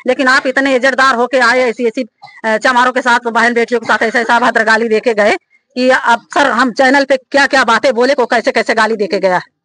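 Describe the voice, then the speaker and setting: A man with a bright, high voice presses his complaint on a reporter, insistent and pleading, calling him sir again and again. He speaks in an impassioned way, directly to the reporter. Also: steady tone, a little fast, no room sound. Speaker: local community member.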